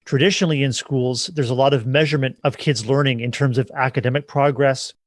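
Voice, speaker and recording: A man hosts a podcast interview and asks each question in a measured, formal way. His voice sits at an ordinary middle pitch. It sounds dry and close, with no room around it. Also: fairly even intonation, no echo. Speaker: podcast host.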